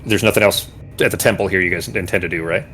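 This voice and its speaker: Rambling low-voiced game master. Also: male voice, steady tone, fast talker, pushed and bright, slight background noise. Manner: rambling, searching for words, many restarts. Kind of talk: narrating a tabletop game.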